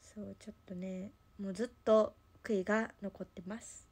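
A young woman hosts an idol livestream with a Kansai Japanese accent, chatting and rambling through a filler-heavy story. Her medium-pitched voice is a little mellow, steady in tone, at a normal speed.

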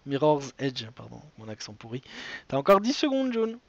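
A man's voice: sits high, huge pitch swings, brisk, gravelly, fairly bright tone, muffled recording. A man with a French accent hosting a live-streamed quiz game, chatty and full of joking asides and restarts. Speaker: quiz show host.

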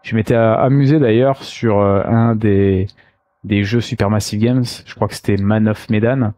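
A man's voice: lowish voice, steady tone, normal speed, dark tone, dry recording. A man hosting a let's play, talking casually and slangily to viewers while musing aloud. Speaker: gaming let's play host. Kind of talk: casual game commentary addressed to viewers.

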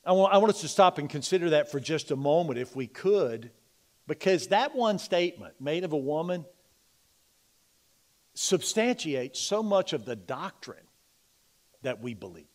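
A middle-aged male pastor preaching a sermon in a church. He moves between loud, emphatic preaching and quiet, confiding personal stories. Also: a little high, big pitch swings, normal speed, pauses often. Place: church sanctuary.

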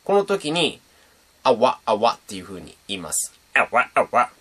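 A man's voice: on the low side, normal speed. A young man, chatting casually as he teaches beatboxing on his channel. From Japan. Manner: chatty and animated, demonstrating sounds. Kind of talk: casual video lesson.

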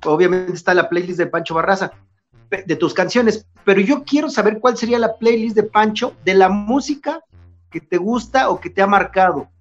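A man from Mexico hosts a casual interview, asking friendly, chatty questions and restarting often. His voice is high-pitched and moderately paced, in a dull lo-fi recording with faint music.

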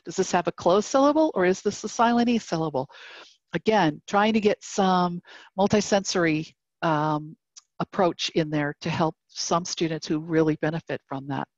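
A woman with a somewhat low voice gives an instructional talk, walking through teaching steps and acting out the prompts she would give a class. The recording is dry and a little dull. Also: moderate pace, darkish tone, no room sound. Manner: explanatory, models classroom prompts step by step. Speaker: literacy education presenter. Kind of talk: instructional presentation.

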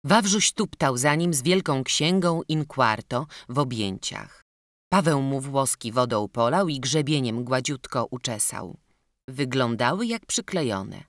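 A woman narrating an audiobook of a children's classic in an expressive storytelling manner. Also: rumbling low, measured pace, no echo, studio quality. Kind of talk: scripted narration.

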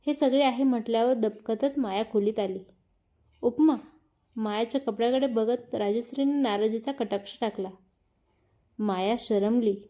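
A woman's voice: a little high, moderate pace, mellow. Woman narrating a family story.

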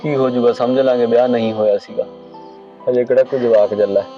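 A man's voice: medium pitch, steady tone, quick pace, dull audio, soft background music, close to an everyday voice. A man playing a dutiful son and husband who is torn between his mother and his wife, and who pleads earnestly. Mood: pleading, earnest.

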